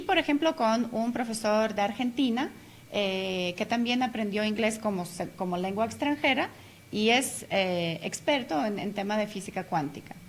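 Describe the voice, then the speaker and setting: A woman's voice: a little high, a little hiss or hum. A woman guest in a radio interview, a language teacher explaining at length with frequent hesitation fillers. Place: radio studio.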